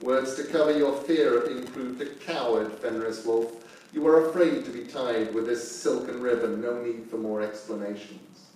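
A man's voice: medium pitch, steady tone, normal speed, a little mellow, slight background noise, lightly acted. A stern old ruler of the gods, as a male storyteller puts him on, taunting and commanding. His voice stays close to the teller's own. The sound is distant and very echoey. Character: stern commanding old father-god, goading. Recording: echoey room, distant mic.

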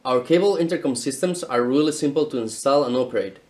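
In an indoor showroom, a camera mic at medium distance records a product presenter, a Spanish man in his thirties. He talks fast in a mid-range voice with a darkish tone, explaining equipment carefully from a script.

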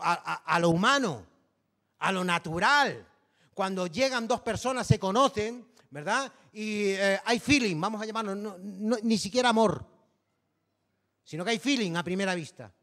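A pastor with a Canary Islands Spanish accent preaches a sermon in a voice that's high for a man and a bit bright. He addresses the congregation loosely and conversationally, peppering his speech with rhetorical questions tossed back at them, and the sound carries a long hall reverb.

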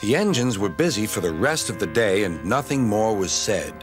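A man narrating a children's train story in a gentle, expressive storytelling manner. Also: lowish voice, normal speed. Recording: narration over music.

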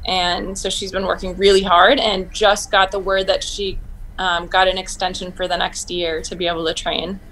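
A woman's voice: fairly low pitch, little pitch movement, normal speed, fairly bright tone, a little hiss or hum. A woman in her thirties, a sailor being interviewed over a video call from home, talking in an upbeat, chatty way with frequent ums. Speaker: Olympic sailor, guest. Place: home room, indoors.

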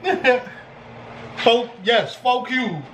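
In a small indoor home kitchen, a Chicago man in his thirties chats excitedly for his cooking vlog, animated, boastful and slangy. His voice is extremely high and extremely slow, recorded on a camera held in hand or set on the counter, with kitchen echo and clear background noise.

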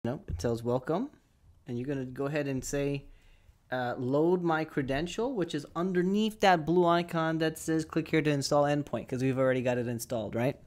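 Working from a small home studio with acoustic foam, a young adult man talks into a nearby desk microphone. His voice is a little high with a darkish tone, and he moves at a moderate pace. He guides listeners step by step through a tech tutorial in a conversational way, frequently checking in with them.

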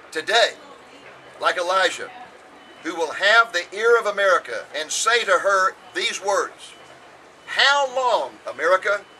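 A man's voice: sits high, bright, forceful tone, a little hiss or hum. Emphatic man preaching from far off. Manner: earnest, emphatic oratory. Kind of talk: sermon reading. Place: outdoors on a hilltop.

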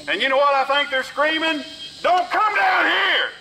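Fiery street preacher, megaphone. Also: male voice, very high voice, animated, moderate pace, background noise. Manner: fiery call-and-response preaching. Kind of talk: outdoor sermon through a megaphone. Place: outdoors on a parking lot with children. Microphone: handheld megaphone.

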